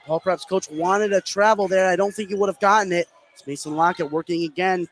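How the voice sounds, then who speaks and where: Courtside in an indoor high school basketball gym, a man calls live play-by-play for a radio broadcast. His voice is high, steady and brisk, and loud gym ambience fills the background of the live broadcast.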